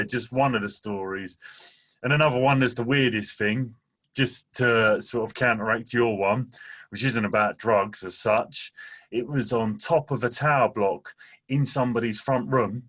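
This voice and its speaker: A man's voice: mid-range voice, unhurried, fairly bright tone. A man telling jokey stories about his pirate radio days, acting out his own polite asides in a casual chat. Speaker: podcast speaker, DJ.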